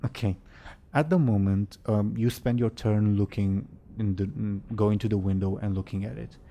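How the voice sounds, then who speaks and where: A man narrating as game master of a tabletop game, in a relaxed, hesitant way with fillers. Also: fairly low pitch, normal speed.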